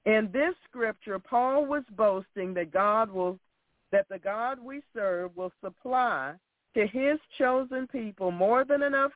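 A man preaching a sermon with scripture, speaking in an emphatic, admonishing way and deliberately repeating phrases. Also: high voice, no room sound. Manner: admonishing, exhorting. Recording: thin, narrow phone-like sound.

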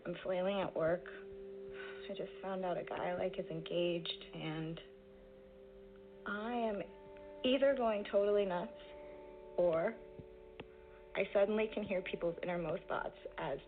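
A woman's voice: medium pitch, a little hiss or hum, lightly acted. A woman playing a frazzled young woman. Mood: distraught. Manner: rambling, halting, near tears. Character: overwhelmed young woman at her wits' end. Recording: tinny phone-like audio with soft music.

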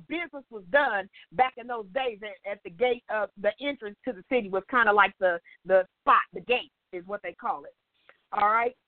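Older woman, Bible study teacher, high voice, folksy and animated, tinny dry phone audio. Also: no echo. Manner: animated storyteller who acts out dialogue; folksy, chatty, checks in with listeners.

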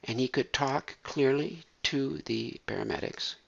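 A man telling a true story in an unhurried, animated, folksy way. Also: mid-range voice, vocal fry, husky. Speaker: storyteller recounting a true case. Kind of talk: spoken storytelling. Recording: dull lo-fi recording.

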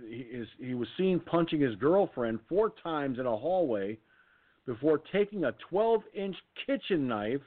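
A man's voice: medium pitch, no room sound. A man hosting an online radio talk show, blunt, indignant and swearing as he reads the news. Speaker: host. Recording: dry, phone-like sound.

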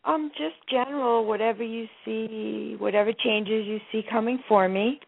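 A woman's voice: a little high, steady tone, normal speed, gravelly. A woman phoning in to a radio show, giving brief, hesitant answers over a fuzzy line. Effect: phone call into a radio show. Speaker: caller. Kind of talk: call-in radio chat. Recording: fuzzy, tinny phone line.

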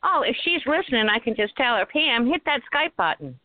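A woman's voice: on the high side, sing-song, a little fast. Woman with Rhode Island accent, phone-like sound. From Rhode Island, USA. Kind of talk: casual panel chat. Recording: tinny phone-like internet call audio.

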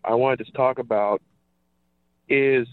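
A man's voice: mid-range voice, fairly even intonation, slow, no echo. A man from California calling in to a radio show, speaking earnestly over the phone and repeating himself for emphasis. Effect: phone line caller. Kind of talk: earnest call-in opinion. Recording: tinny dry phone line.

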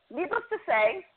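Chatty woman on tinny phone-like audio. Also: very high voice. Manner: chatty storyteller, rattles off match results. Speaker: podcast co-host. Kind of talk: casual podcast chat.

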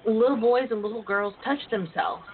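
A woman hosting a casual, playful radio talk show, with a sassy, drawn-out delivery and folksy endearments. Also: a little high. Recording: narrow phone-like line with faint noise.

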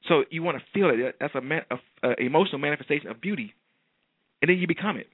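A man's voice: a little high, animated, fast talker, husky, no room sound, phone-quality sound. A man giving motivational, preacher-like speech, emphatic and repeating his phrases like a refrain. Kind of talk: motivational speech turning into prayer.

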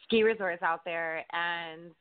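A woman's voice: fairly low pitch, steady tone, takes it slowly, clear, resonant tone, no room sound. A woman co-hosting a radio show, chatting in an easygoing way with lots of fillers. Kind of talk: casual talk-radio chat. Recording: dry, phone-like line.

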